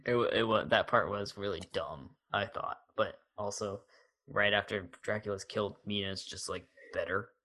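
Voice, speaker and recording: A young man co-hosting an audio podcast, chatting casually and often trailing off quietly. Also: fairly low pitch, fairly even intonation, normal speed. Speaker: podcast co-host. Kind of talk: casual chat. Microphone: audio-only podcast mic.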